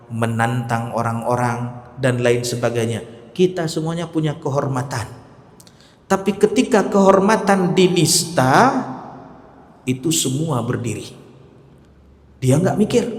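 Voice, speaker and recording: A male preacher with an Acehnese accent giving a sermon, emphatic, repeating key phrases and swinging between loud and soft. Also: fairly high pitch. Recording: echoey hall.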